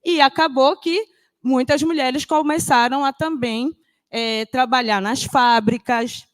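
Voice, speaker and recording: Woman lecturing, a bit high-pitched. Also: steady tone, a little slow, dry recording, studio quality. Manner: conversational, checks understanding with frequent tag questions. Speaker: professor giving a lecture. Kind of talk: explanatory classroom lecture.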